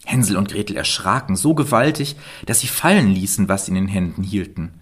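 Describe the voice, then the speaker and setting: A man reading a fairy tale aloud in a calm, measured storytelling manner. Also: low voice, slightly rough.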